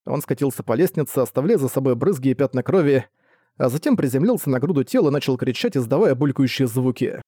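A man narrating a first-person novel as an audiobook reader, steady and even. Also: medium pitch, quick pace, breathy edge, no room sound, clean studio sound.

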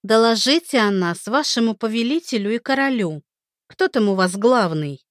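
A woman's voice: on the high side, animated, normal speed, dry recording, studio quality, natural voice. A woman voicing a young heroine who speaks urgently and pleads for her beloved. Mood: defiant.

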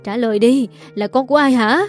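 A woman's voice: a little high, fairly quick, soft background music, close to an everyday voice. A woman voicing a stern, shaken old mother near sixty who demands answers from her daughter. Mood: stern demanding. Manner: sharp demanding questions.

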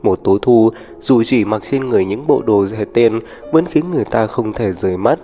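A man narrating an audiobook in a steady, even storytelling manner. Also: lowish voice, normal speed. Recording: long reverb with background music.

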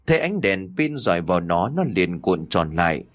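A man with a very low voice tells a ghost story, his pitch swinging widely as the tension builds. The recording is dry and close, with no room sound. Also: sing-song, normal speed, fairly bright tone, no echo. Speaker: narrator.

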